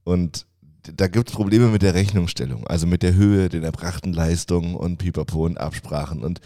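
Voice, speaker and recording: Low, dark-voiced man venting frustration. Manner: frustrated venting, quick rambling restarts. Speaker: podcast co-host. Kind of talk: casual podcast chat. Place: office.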